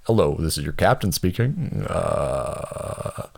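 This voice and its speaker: A man doing a droning airline captain on the cabin PA, halting and full of uhs. The voice sits low and unhurried. It sounds like an in-flight loudspeaker announcement delivered by a captain in no rush. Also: very animated, vocal fry, full character voice. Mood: drawling. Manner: drawling, halting with many uhs. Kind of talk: comedic storytelling impression.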